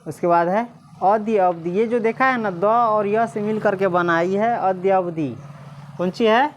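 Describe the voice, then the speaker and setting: A woman teacher, reading Sanskrit slowly syllable by syllable and quizzing the class again and again. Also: mid-range voice, a little hiss or hum. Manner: repeatedly quizzes listeners, slow syllable-by-syllable reading.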